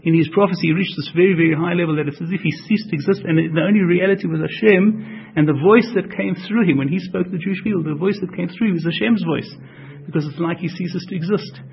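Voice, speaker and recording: A man's voice: sits high, slightly rough, lo-fi sound. A man giving a Torah class, explaining with repeated phrases and rhetorical questions and mixing Hebrew terms into his English. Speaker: Torah teacher.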